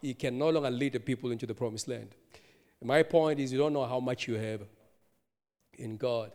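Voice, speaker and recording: A man preaching a sermon, telling a story with lively asides and frequent laughter. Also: medium pitch, normal speed. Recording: long hall reverb.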